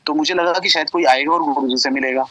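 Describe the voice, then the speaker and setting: A man's voice: on the high side, fast, fairly bright tone, dry recording, low-quality recording. Earnest man retelling devotional stories. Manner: earnest retelling, mixing Punjabi and Hindi quotes. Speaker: satsang speaker sharing devotee stories. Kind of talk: storytelling in a devotional gathering.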